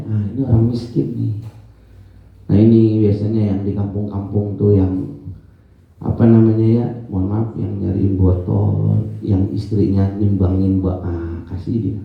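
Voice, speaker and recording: A man's voice: lowish voice, gravelly. A man giving an informal religious lesson in an office prayer room, chatty and storytelling, often quizzing his listeners. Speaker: religious teacher. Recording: echoey, dull lo-fi room sound.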